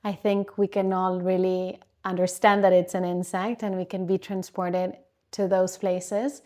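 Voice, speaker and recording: A woman's voice: fairly low pitch, little pitch movement, a little slow, a little mellow. Friendly woman host. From Argentina. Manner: friendly, with frequent "yes" replies. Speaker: podcast host. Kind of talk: interview questions.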